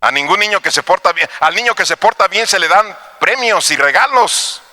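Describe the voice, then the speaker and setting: A male pastor preaching a fervent sermon, swinging from shouted exhortations to low asides. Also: animated, normal speed, in a large hall.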